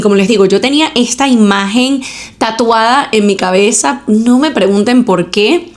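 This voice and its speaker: Chatty Venezuelan woman hosting a podcast. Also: mid-range voice. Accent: Venezuelan Spanish. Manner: chatty, mixes English words into Spanish. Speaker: podcast host. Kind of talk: casual solo podcast talk. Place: home, indoors.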